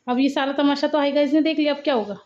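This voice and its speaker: A woman's voice: high-pitched, steady tone, rapid-fire. A young woman from India, a mother filming a casual home vlog, chatty and playfully scolding her kids, recorded on a phone in a family home. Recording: muffled phone audio with clear background noise.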